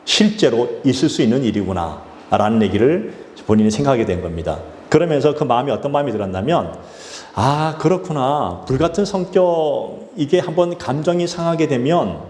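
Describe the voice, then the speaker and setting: A man's voice: medium pitch, darkish tone. A man, a pastor, telling a story in a sermon, with loose fillers and restarts along the way. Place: church sanctuary. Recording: echoey church hall with faint noise.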